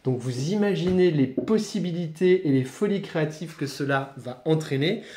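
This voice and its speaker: A man's voice: on the high side, expressive, normal speed, darkish tone, echoey room. A man casually reviewing a comic book for his channel, enthusiastic, with frequent fillers and restarts.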